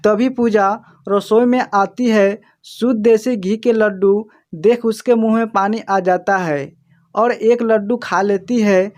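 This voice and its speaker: A woman reading a family moral story aloud in a slow, even, scripted narration. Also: medium pitch.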